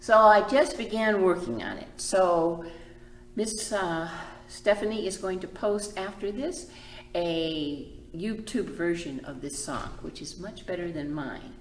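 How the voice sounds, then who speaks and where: At a children's storytime, this librarian reads and teaches at a measured pace in a fairly low voice, drawing out words and keeping phrases simple and expressive for little ones. A little hiss or hum accompanies the echoey room sound.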